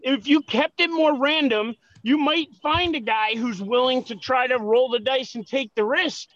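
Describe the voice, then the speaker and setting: A man with a high voice arguing sports in a casual podcast chat, pressing his points and often restarting his sentences. His sound is dull and lo-fi, with a dry, close feel. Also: normal speed, fairly bright tone, no echo. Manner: argumentative, explains with many restarts. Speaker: podcast co-host.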